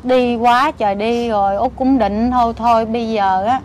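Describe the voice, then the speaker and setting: A woman's voice: fairly high pitch, fairly even intonation, normal speed. An older woman with a Southern Vietnamese accent, chatting emphatically and telling her story with exclamations. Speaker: interviewee, lottery ticket seller's mother-in-law. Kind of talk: casual conversation. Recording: street noise behind.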